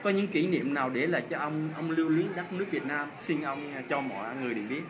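A man's voice: a little high, fast talker. A middle-aged man from Vietnam interviewing casually and politely, often repeating answers back. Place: indoor swimming pool hall. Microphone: phone at arm's length. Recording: noisy indoor pool, phone recording.

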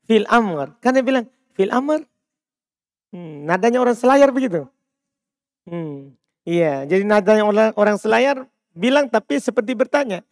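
A man's voice: high voice, lively intonation, normal speed, no echo, clean studio sound. A man teaching an Arabic grammar reading class, quizzing students by name and explaining patiently. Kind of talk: classroom text-reading lesson. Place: mosque study circle.

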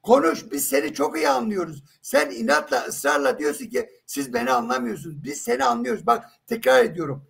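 A man's voice: very high-pitched, sing-song, a little fast, creaky, hardly any pauses, a bit bright, slightly rough. A man in a heated live religious debate, insistent and emphatic, pressing with rhetorical questions.

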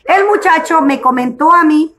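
A young woman with a Honduran accent vlogs outdoors in a breeze, casually retelling her day as a story with frequent religious exclamations. Her voice is high, pushed and bright, at a normal speed.

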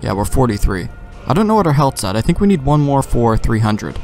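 A let's play host offers casual, rambling gameplay commentary with some mild swearing as he thinks aloud, game music playing faintly behind him. His mid-range voice has a darkish tone, big swings in pitch, and a fairly quick pace.

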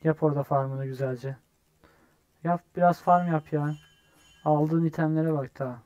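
A young man giving live gameplay commentary, excitable, yelling at teammates and swearing when frustrated. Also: on the high side, unhurried, no room sound. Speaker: gamer streamer.

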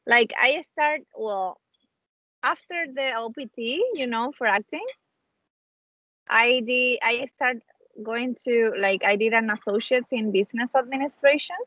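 An actress from Chile appears as a guest on a casual video call, speaking English as a second language with a Chilean Spanish accent. The young woman often restarts phrases as she hunts for words, her voice on the high side, unhurried and fairly bright. She's in a small room at home using wireless earbuds, and the call audio is dull and lo-fi with no room sound.

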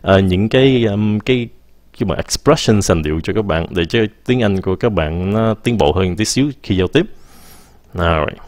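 A man teaching English in a casual video lesson, switching between languages, saying "ok" often and slowing down to model example sentences. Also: on the low side, lively intonation, darkish tone, no room sound. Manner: mixes English phrases into explanations, repeats "ok" often.

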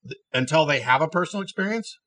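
A man's voice: a little high, lively intonation, fast talker, pushed and bright. A man in his thirties hosting a call-in show, debating a caller in a probing, challenging way and often cutting in. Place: small TV studio, indoors.

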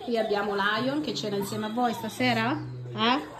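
A woman's voice: fairly high pitch, moderate pace, a crowd in the background. A woman in her forties, a mother hosting a family vlog, talking in a caring, coaxing way. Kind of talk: casual family vlog chat. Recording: echoey room with music behind.

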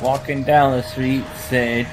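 A man's voice: medium pitch, level tone, slow pace, low-quality recording. A man co-commentating on a let's play in a playful, casual, joking way. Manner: playful, jokey. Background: game music.

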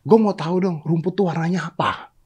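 A man's voice: on the high side, brisk, darkish tone, husky, voice pushed up. Fable tiger, male, indignant and fed up, voiced by a man; raised, pleading voice. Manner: exasperated, pleading.

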